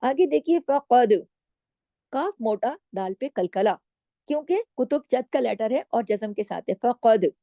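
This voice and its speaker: A woman teaching Quran recitation rules to female students, explaining each letter patiently and drawing out the recited words slowly. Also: a little high, expressive, mellow, no room sound. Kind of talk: tajweed lesson.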